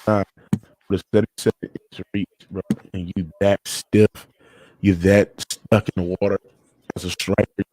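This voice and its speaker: A man's voice: low voice, level tone, normal speed, darkish tone, no echo. A man co-hosting a casual fight livestream chat, laid-back and saying "bro" a lot, his mic crackling with static and cutting out. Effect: crackling, static-filled mic cutting out. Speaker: livestream co-host.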